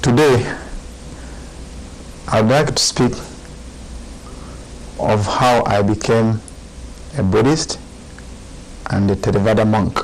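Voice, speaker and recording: Slow, measured Ugandan-born monk. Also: male voice, fairly low pitch, a little hiss or hum, low-quality recording. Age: 40s. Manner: calm and deliberate, with short pauses between phrases. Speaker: Buddhist monk. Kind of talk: slow, measured dharma talk.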